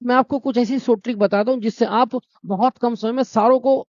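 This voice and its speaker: A man's voice: very high-pitched, fairly even intonation, a little fast, a little mellow, no room sound. A man teaching a Hindi exam-prep lesson, explaining step by step, asking his own questions and answering them, and calling his students brother and friends. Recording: dry, dull lo-fi sound.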